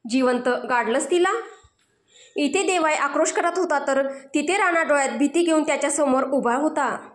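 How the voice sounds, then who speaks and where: Brief: woman storyteller, high voice, intense and emphatic, recorded in a roomy space. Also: normal speed. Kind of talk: dramatic story narration. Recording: roomy echo.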